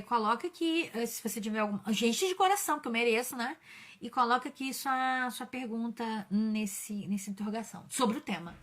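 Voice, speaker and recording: A Brazilian woman with a high-pitched voice hosts her channel in a loose, conversational explainer style. She speaks bluntly and casually to her viewers, slipping in slang and the odd swear word. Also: fairly bright tone. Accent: Brazilian Portuguese. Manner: chatty, blunt, mixes slang and mild swearing. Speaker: channel host.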